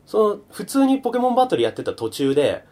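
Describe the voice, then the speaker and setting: A man's voice: high voice, huge pitch swings, fast, warm tone. A man hosting a podcast in casual chat, laughing as he tells a story and imitating an announcer. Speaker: podcast host.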